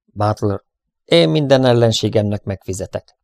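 A man voicing a bold young cowboy hero who speaks calmly and firmly. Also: medium pitch, gravelly, no echo, studio quality, pitched above the performer's own voice. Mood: icy. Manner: calm, then icy and firm. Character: bold young male western hero, cool-headed.

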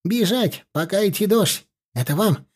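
A man voicing a husky, high-pitched village interpreter in a hurry. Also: animated, measured pace, full character voice. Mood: hurried. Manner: broken grammar, urgent hissing. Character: jittery male mountain-village interpreter, urgent.

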